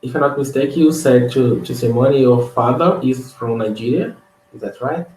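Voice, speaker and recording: Brazilian man, halting English, echoey room. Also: mid-range voice, a little mellow. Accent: Brazilian Portuguese. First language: Portuguese. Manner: halting non-native English with small grammar slips. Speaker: English learner. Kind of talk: casual video-call conversation. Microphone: video call. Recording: echoey room with faint noise.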